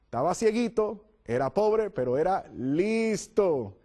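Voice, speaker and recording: Dramatic, fairly high-voiced male preacher. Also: big pitch swings, takes it slowly, dark tone. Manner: dramatic storytelling, acting out crowd voices. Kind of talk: sermon.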